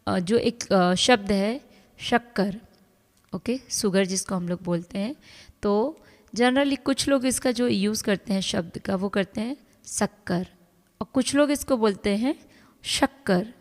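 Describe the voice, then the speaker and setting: A woman's voice: medium pitch, normal speed, a little mellow. A woman teaching a pronunciation lesson, explaining step by step and mixing Hindi with English, often checking in with "right?". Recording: long hall reverb.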